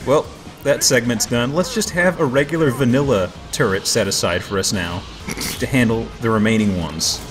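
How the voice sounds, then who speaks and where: This let's play host banters and jokes casually as he plays, his mid-range voice moving at a normal speed. Game music runs in the background throughout.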